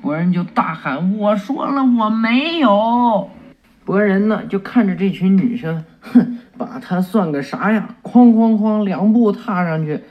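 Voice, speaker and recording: A man tells a cartoon story in a loose, chatty way, full of fillers and quick self-corrections. The recording sounds a bit muffled and lo-fi. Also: high-pitched. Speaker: storyteller retelling an anime episode. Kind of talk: casual oral retelling with acted voices.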